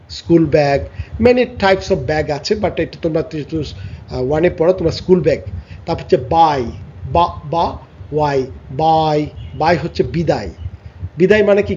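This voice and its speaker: A man with a Bangladeshi accent teaching English vocabulary to young children, repeating each word and its sounds slowly. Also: a little high, warm tone. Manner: slow drilled pronunciation, repeating words and sounds. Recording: slightly dull lo-fi audio with faint noise.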